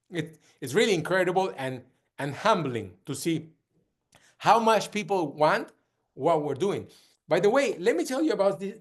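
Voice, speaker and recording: Man, from Peru, slightly high pitch, earnest, repeats and restarts phrases, host talk. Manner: earnest, with frequent restarts and repetition. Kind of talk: direct-to-camera talk.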